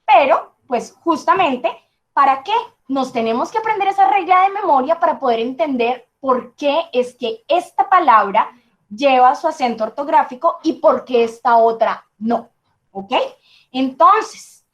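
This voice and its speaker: A woman's voice: sits high, expressive, measured pace, a bit bright. A woman teaching a class, explaining patiently and checking in often with her students.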